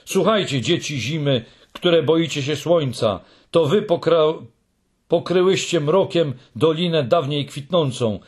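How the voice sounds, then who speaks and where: A man's voice: high voice, animated, measured pace, husky, voice pushed up, heavily acted. A man doing a lonely, defiant young Moomin troll. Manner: loud, defiant singing recital.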